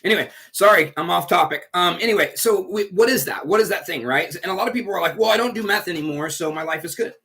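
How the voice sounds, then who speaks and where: His voice sits high and moves fast, with hardly any pauses and a bright, forceful edge, despite a congested nose. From indoors at home, this recovery group leader hosts an upbeat, talkative, wandering livestream.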